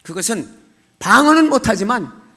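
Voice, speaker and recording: Animated middle-aged man giving church testimony. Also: high voice, moderate pace. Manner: dramatic, acts out his own prayers and cries of amen. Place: church service hall. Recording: long church hall reverb.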